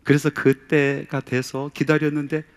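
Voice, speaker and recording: Middle-aged male preacher, storytelling sermon delivery that swells loud and high on key points. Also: flat delivery, a little slow, clear, resonant tone. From South Korea, Chungcheong region. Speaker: pastor. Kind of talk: Sunday sermon.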